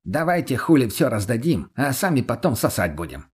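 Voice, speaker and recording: Crude loudmouth young man, voiced by a male narrator, husky and pitched up, all jeers. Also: sing-song, moderate pace. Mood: scornful. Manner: taunting, swearing, sneering. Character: crude foul-mouthed young male slacker, mocking.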